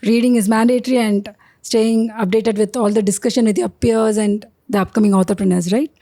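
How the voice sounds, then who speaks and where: A woman's voice: a little high, fairly even intonation, a little fast, dark tone. A middle-aged woman with an Indian accent hosting an interview, introducing her guest and asking questions. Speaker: interview host.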